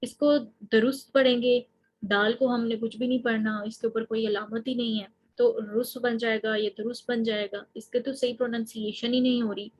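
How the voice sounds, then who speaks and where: Woman, grammar teacher, step-by-step explanations, questions to the class, fairly high voice. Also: level tone, normal speed, low-quality recording. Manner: explains step by step, mixing in English terms and asking the class questions. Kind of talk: recorded lecture.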